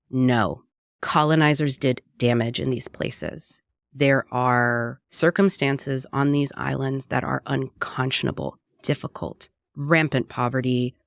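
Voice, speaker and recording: A woman's voice: rumbling low, no echo, clean studio sound. A woman from Puerto Rico, a cookbook author and radio producer, talking earnestly and reflectively in an interview. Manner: earnest and reflective, frequent "right?" tags. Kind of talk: conversational interview.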